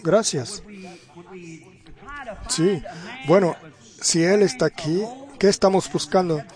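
A man delivers a sermon slowly and deliberately, in a slightly high voice. He tells a story from the pulpit and keeps turning to the congregation with rhetorical questions. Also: darkish tone. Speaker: preacher.

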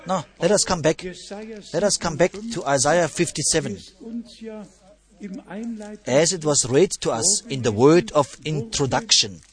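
Slow, emphatic male preacher. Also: fairly high pitch, animated. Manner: slow, emphatic, repeats phrases, stresses scripture. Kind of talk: sermon.

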